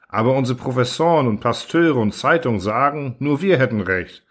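A man's voice: mid-range voice, expressive, normal speed, close to an everyday voice. A man reading the lines of a thoughtful young soldier who asks probing, earnest questions.

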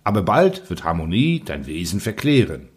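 A man voicing a gentle, solemn young angel who speaks softly and unctuously. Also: low-pitched, very animated, moderate pace, husky, voice pushed down, heavily acted. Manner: soft, solemn, unctuous speech.

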